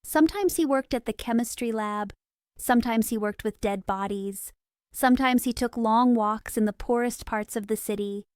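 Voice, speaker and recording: A woman narrating a story in clear, steady, simple storytelling for English learners, on a close studio microphone. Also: fairly high pitch, normal speed, dry recording. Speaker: audiobook narrator.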